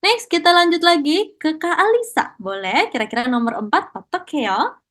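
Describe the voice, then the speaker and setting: A woman's voice: high-pitched, animated, brisk, fairly bright tone. A woman teaching Korean in an online class, encouraging students and mixing Korean praise into her explanations.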